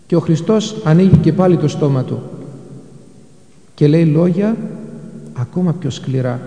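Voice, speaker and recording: A man's voice: a little high, vocal fry, warm tone. Man preaching in an echoey church. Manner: retells Gospel passages, quoting scripture in old Greek and explaining it. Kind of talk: sermon.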